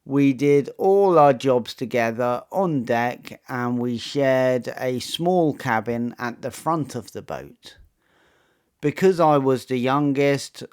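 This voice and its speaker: A man narrating a true personal story in a measured, matter-of-fact scripted way. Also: mid-range voice, animated, darkish tone, smooth.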